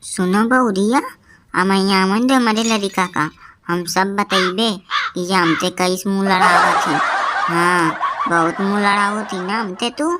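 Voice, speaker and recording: A woman voicing a quarrelsome older mother-in-law in a cartoon comedy, taunting and name-calling, over loud background noise. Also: medium pitch, fairly even intonation, a little slow, natural voice. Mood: complaining.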